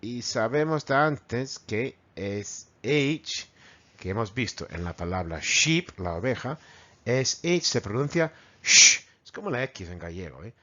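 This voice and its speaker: A man with a Spanish accent from Spain teaching English vocabulary to children, repeating words slowly and mimicking animal sounds. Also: fairly low pitch, sing-song, bright, forceful tone, lo-fi sound. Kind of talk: bilingual vocabulary lesson.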